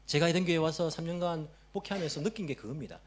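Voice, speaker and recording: A man preaching a sermon as pastor of a church, swinging between loud exhortation and hushed prayer. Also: on the high side, fast. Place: church sanctuary.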